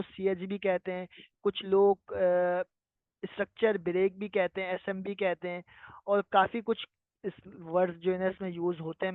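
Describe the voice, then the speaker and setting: A man's voice: sits high, no room sound. A man teaching a live online trading lesson, patiently explaining and often checking that his listeners follow. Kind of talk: live online lesson answering viewer questions. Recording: tinny phone-like sound, dry.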